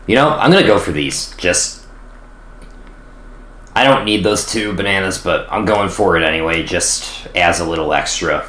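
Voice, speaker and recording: A man's voice: sits low, normal speed, pushed and bright, reverberant. A young man casually commentating his gameplay on stream, rambling and self-deprecating. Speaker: gaming streamer.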